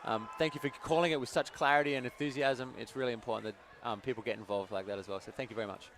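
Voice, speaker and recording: A man's voice: mid-range voice, steady tone, quick pace, a bit bright, a little hiss or hum. Earnest male co-commentator outdoors. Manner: earnest, enthusiastic, praising. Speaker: co-commentator and league representative. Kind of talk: sports commentary. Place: outdoor sports ground.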